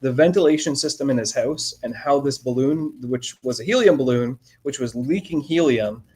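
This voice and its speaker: A man with a husky, slightly breathy voice, chatting casually. He tells his story in a relaxed, wandering way at a middle pitch. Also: normal speed. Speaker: guest. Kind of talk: casual conversation.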